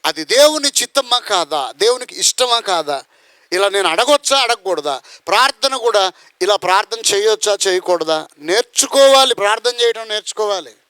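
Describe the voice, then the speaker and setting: A man's voice: high voice, lively intonation, normal speed, pushed and bright, smooth, no room sound. A man preaching a sermon, firing rhetorical questions and acting out the voices in his story. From India. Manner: rhetorical questions, acts out quoted voices, bursts into song. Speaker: pastor.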